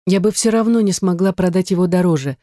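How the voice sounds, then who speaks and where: An audiobook reader voicing a distressed young ex-wife who pleads in a raised, defensive voice. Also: female voice, on the low side, quick pace, dark tone, dry recording, clean studio sound, lightly acted. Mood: muttering. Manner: pleading, rising voice. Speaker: audiobook character. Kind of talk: audiobook reading.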